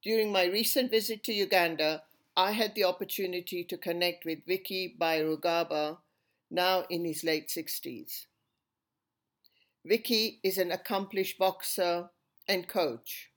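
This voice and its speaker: Podcast host, scripted intro, measured reading, mid pitch. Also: fairly bright tone. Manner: measured, read-aloud delivery. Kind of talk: scripted narration.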